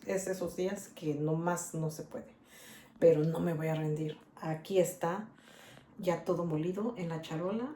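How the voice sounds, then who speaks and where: A woman's voice: lowish voice, steady tone, normal speed, warm tone, slight background noise. Chatty Mexican woman in an echoey kitchen. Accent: Mexican Spanish. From Mexico, Guadalajara. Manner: chatty, stubborn, keeps asking "¿ok?". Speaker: cooking video host. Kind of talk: casual cooking demonstration. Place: home kitchen.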